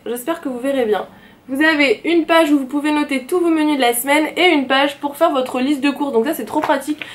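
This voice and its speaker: A young woman vlogger chatting eagerly about her planners in a casual show-and-tell. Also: high-pitched. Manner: chatty and enthusiastic, gushing.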